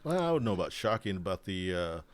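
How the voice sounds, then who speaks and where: A man's voice: low voice, very animated, fast talker, a little hiss or hum. A man co-hosting a casual chat about board games, joking and laughing often, trailing off mid-thought. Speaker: co-host, board game designer.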